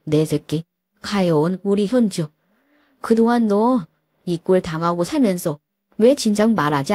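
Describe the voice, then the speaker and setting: A woman's voice: fairly low pitch, a little mellow, breathy edge, dry recording, clean studio sound. A woman voicing a protective older father who speaks sternly and commandingly in a storybook tale.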